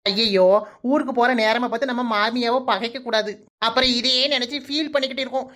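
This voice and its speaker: A woman's voice: on the high side, fairly even intonation, fast talker, fairly bright tone, voice pushed down, lightly acted. A woman putting on a sly mocking cartoon rival. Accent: Kanyakumari Tamil. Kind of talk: cartoon voice acting.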